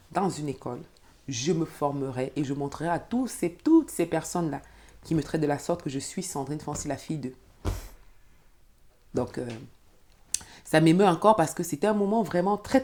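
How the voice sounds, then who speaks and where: A woman's voice: deep voice, normal speed, a little hiss or hum. A middle-aged woman from Cameroon, telling her life story as a guest and acting out the voices of people in it. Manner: animated storyteller who acts out quotes. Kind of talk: personal storytelling.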